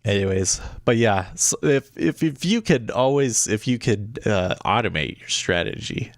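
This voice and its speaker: A man's voice: on the low side, expressive, a little slow, no echo, clean studio sound. A man with a blocked, congested nose after nose surgery, sounding sick as he chats casually while hosting a livestream. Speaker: day trading livestream host.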